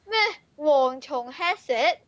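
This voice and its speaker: A woman's voice: high-pitched, slow pace, a bit bright, no echo. A young woman with a Hong Kong Cantonese accent, chatting casually and playfully as the host of a challenge vlog, using plenty of informal slang. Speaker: video host.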